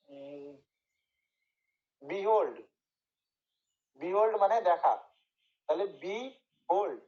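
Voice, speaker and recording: A man's voice: high voice, muffled recording. A male teacher giving a lecture to his students, repeating points and checking often that they understood. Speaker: English teacher.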